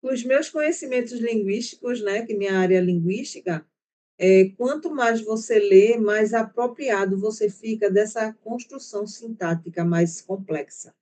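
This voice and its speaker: A woman's voice: mid-range voice, normal speed, mellow. A woman teacher with a Brazilian accent giving an online class, talking at length and checking in with her students as she explains. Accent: Brazilian Portuguese. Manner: chatty, explains at length with frequent "né?" and "tá?".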